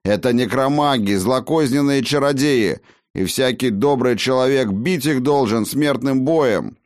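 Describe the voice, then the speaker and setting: A man voicing an angry, stern middle-aged craftsman who shouts commands in an audiobook. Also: medium pitch, unhurried, no echo, studio quality, voice pushed up, natural voice. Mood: furious.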